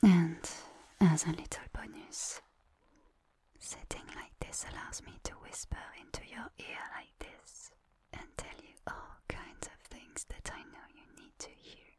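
A woman voicing a gentle, doting massage attendant in an ASMR roleplay, talking in a soft breathy whisper and slipping in French endearments. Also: lowish voice, fairly even intonation, a little slow, lightly acted. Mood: soothing.

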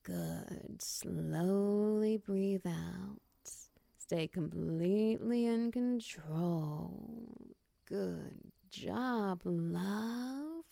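A woman in a close-mic comfort roleplay, speaking softly and soothingly to a partner, slipping into whispers and guiding slow breathing counts. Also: mid-range voice, animated, gravelly, dry recording. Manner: soft, soothing, slips into whispers.

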